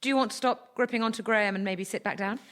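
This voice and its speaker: A calm, patient teacher who stays gently firm, played by a woman. Her voice sits a touch high for a woman. Faint noise sits behind her. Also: fast talker, lightly acted. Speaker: birthing class teacher. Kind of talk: radio sketch comedy.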